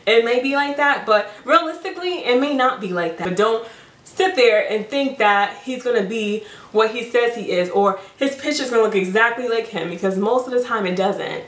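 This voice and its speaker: A young adult woman giving frank dating advice in a casual vlog, chatty and quick to laugh. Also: on the high side, a bit bright. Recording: roomy, distant mic.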